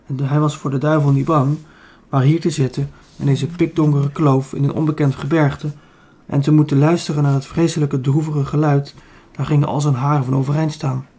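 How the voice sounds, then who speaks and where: A man's voice: fairly high pitch, flat delivery, a little fast, dark tone, husky. A man with a Dutch accent reading a children's book aloud, with small slips he corrects as he goes. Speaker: audiobook reader.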